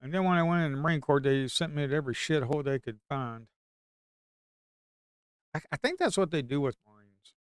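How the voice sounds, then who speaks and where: A man's voice: a little high, animated, brisk, pauses often, smooth, dry recording, studio quality. A middle-aged man from the Blue Ridge Mountains with an Appalachian Southern accent, chatting casually and crudely on a trading stream and telling rambling stories. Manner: rambling storyteller, folksy and crude, bursts into hollers. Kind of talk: casual live-stream chat.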